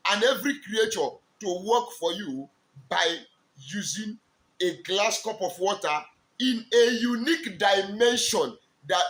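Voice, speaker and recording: A man from eastern Nigeria with a Nigerian accent, an Igbo speaker, preaching in slow, emphatic, drawn-out declarations as a spiritual teacher. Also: high-pitched, fairly bright tone. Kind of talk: preaching to camera.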